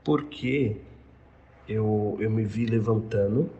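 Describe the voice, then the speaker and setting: A young man with a Brazilian Portuguese accent recounting a personal experience in casual first person, retelling conversations with halting restarts. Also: on the low side, dark tone, dull audio. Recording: noisy background ambience.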